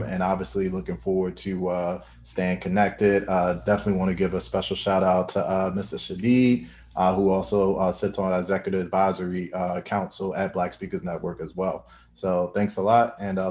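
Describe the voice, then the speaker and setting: Deep flat-voiced male guest speaker. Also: a little hiss or hum. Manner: measured, hesitant with uhs. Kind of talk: brief greeting remarks.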